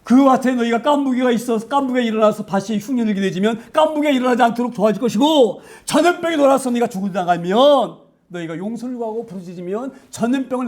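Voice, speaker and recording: A man's voice: very high-pitched, a little mellow. A man preaching a sermon, emphatic, with frequent hallelujahs and rhetorical questions to the congregation.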